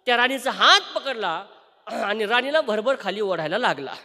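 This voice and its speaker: A male kirtan preacher sings devotional verses and tells a story, often putting questions to his audience. His voice is very high and bright. He is heard live through a PA in a reverberant hall. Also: expressive, moderate pace. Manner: rhetorical, quizzing the audience.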